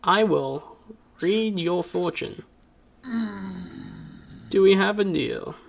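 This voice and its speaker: Man voicing a slow, creaky old fortune-teller woman. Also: high-pitched, exaggerated voice. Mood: mysterious, coaxing. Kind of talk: tabletop game role-play.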